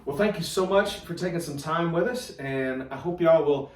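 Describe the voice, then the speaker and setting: A man with a slightly high voice speaks at a normal pace, hosting a church read-along show. He leads a casual Bible discussion in an informal, folksy way, rephrasing as he goes. The room is echoey, the mic distant, and there's faint noise.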